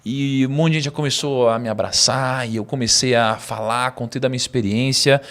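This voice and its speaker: Fast-talking Brazilian man telling a story. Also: mid-range voice. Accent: Brazilian Portuguese. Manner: animated, slangy, laughs mid-story. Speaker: podcast guest. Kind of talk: storytelling in casual conversation.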